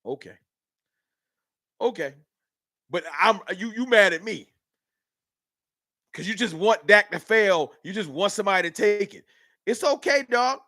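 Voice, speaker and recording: A Dallas, Texas man hosts a live sports fan stream, ranting heatedly and arguing with his chat in an animated way. His voice is high-pitched and measured in pace, with frequent pauses. The recording is studio quality with no echo.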